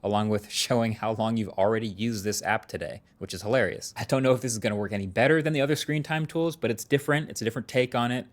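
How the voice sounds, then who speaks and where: A man's voice: fairly low pitch, quick pace, hardly any pauses. A man presenting tech commentary in a conversational, lightly scripted way.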